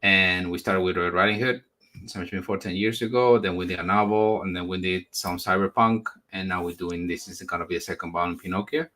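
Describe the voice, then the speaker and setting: A low-pitched, bright-voiced comic book creator in his forties, originally from Spain and raised in the United States, answers as a guest in a conversational interview. His intonation is fairly even. He pauses and repeats words as he searches for how to put things.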